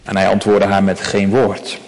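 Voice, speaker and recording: A man leading a church service as pastor, reading scripture in a measured, solemn way. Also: lowish voice, monotone. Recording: long church reverb.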